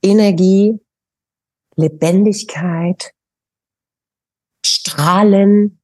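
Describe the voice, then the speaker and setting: Husky, warm-voiced middle-aged woman. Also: medium pitch, steady tone, drawn-out words, dry recording. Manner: emphatic, coaxing advice with direct address. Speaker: naturopath guest. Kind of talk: podcast interview.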